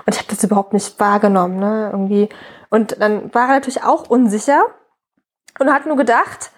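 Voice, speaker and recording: A woman's voice: mid-range voice, steady tone, brisk. A woman in her thirties, a guest mother, talking openly in a casual interview with many restarts and "ne?" tags. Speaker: guest, mother of a colicky baby.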